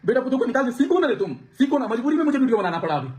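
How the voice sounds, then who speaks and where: A man's voice: extremely high pitch, very animated, rapid-fire, darkish tone. A man vlogging to his viewers, pouring out an aggrieved personal account with many restarts. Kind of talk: emotional personal account to camera.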